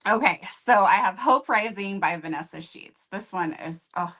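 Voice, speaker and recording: A woman's voice: mid-range voice, expressive, moderate pace, fairly bright tone. A woman co-hosting a casual book review chat, summing up a plot in a chatty way and laughing easily.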